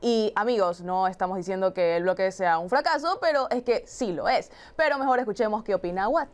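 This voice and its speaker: A woman's voice: mid-range voice, a little fast. A young woman presenting a student news show in a studio, mocking and ironic, on a lapel mic. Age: young adult. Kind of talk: scripted satirical news reading.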